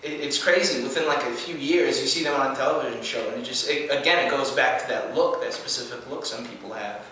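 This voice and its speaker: A man's voice: medium pitch, quick pace, bright, forceful tone, a little hiss or hum. A young man from New Zealand with a mostly American accent and a trace of his home accent, talking earnestly in a casual interview, restarting his sentences often. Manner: restless and earnest, many restarts and fillers. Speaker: actor being interviewed. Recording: echoey room from far off.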